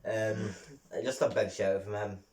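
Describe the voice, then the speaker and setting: A young man with a fairly low voice chats casually in a laid-back way and laughs a lot. He sits at some distance from the mic, and his voice sounds roomy and echoey. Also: steady tone, moderate pace, darkish tone, a little hiss or hum. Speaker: YouTube co-host. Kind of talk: casual chat.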